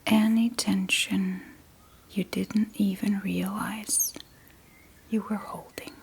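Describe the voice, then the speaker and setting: A female meditation guide whispers a calming sleep meditation, breathy and ASMR-like, letting long silences fall between short phrases. Her voice is medium in pitch with a flat delivery.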